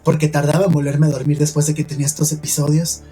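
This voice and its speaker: A man with a Mexican accent tells his own eerie experience on a podcast, speaking earnestly and quietly and circling back with fillers. His voice sits a little high but sounds dark and mellow. Soft music plays faintly behind him. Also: little pitch movement, quick pace. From Mexico, San Luis Potosí. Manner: earnest, hushed storytelling with many "o sea" fillers. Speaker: podcast host telling a personal paranormal story. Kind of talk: podcast storytelling conversation.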